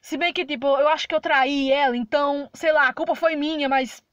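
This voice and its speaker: A woman's voice: sits high, fairly even intonation, brisk, a bit bright, no echo, lo-fi sound. A woman hosting a casual gameplay video, chatting and reacting aloud as she plays. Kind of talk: casual let's-play commentary.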